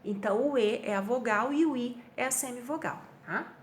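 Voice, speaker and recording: Brazilian woman, grammar teacher, fairly high voice, patient explainer, soft room noise behind. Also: moderate pace. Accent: Brazilian Portuguese. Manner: patient, explanatory, frequent "tá?" check-ins. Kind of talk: online review class.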